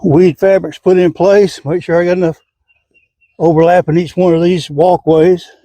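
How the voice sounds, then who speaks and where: A man's voice: high-pitched, flat delivery, normal speed, warm tone. An older man, explaining his garden work step by step in a plain-spoken, folksy way while outdoors. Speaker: home gardener. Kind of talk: casual how-to garden vlog.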